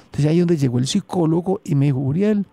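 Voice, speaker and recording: A Colombian man recounts his life in a halting, personal way, restarting sentences and acting out what others said. His voice is gravelly and very dark but sits a bit high for a man. Faint music plays underneath. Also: dry recording. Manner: halting, with restarts and acted quotes. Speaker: interviewee. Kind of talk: personal storytelling.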